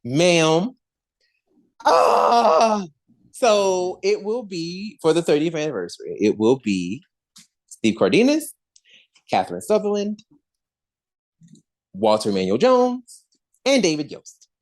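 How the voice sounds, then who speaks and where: Woman podcast host, casual gossip, slangy, very expressive pitch, slow easy delivery. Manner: animated, slangy, laughs often.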